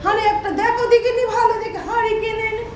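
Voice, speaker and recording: A woman's voice: very high voice, level tone, quick pace, soft background music. An actress playing a hard-of-hearing mother-in-law who mishears everything and snaps back querulously. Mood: confused. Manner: querulous, confused, sharp-tongued. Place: large auditorium stage. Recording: echoey hall from far off.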